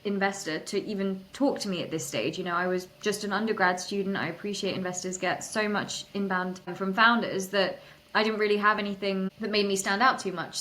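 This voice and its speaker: A young woman who founded a startup tells her story as an interview guest, speaking in a medium-pitched, slightly bright voice. Her conversational telling is candid and self-deprecating, and she restarts her sentences often.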